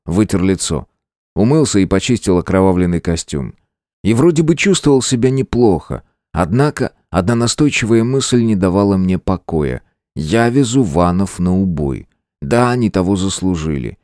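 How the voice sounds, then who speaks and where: Man, first-person audiobook narration, steady, measured, dark mellow tone, dry studio sound. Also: fairly low pitch, dry recording.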